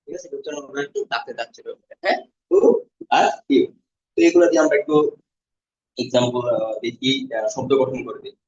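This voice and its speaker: A man's voice: medium pitch, a little mellow. A male language teacher leading a class, explaining vowel shapes step by step, repeating each sound and quizzing his students. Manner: asks students questions, repeats sounds slowly. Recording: dull lo-fi classroom recording.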